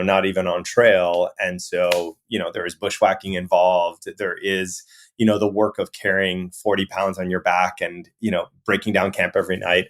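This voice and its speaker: A man in his thirties from Miami, a guest in an interview, talking in a relaxed way full of "you know" fillers. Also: deep voice. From Miami, USA. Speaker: guest, resort owner. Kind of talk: conversational interview.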